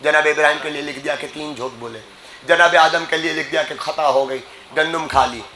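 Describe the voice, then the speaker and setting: A man delivers a Muharram sermon in a high, bright voice. He moves from measured explanation to fervent, shouted passages. The hall around him rings with echo. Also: fairly even intonation. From Sindh, Pakistan. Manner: rising to impassioned shouting, switches between Urdu and Sindhi. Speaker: Muharram majlis preacher. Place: majlis gathering hall. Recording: echoey gathering hall.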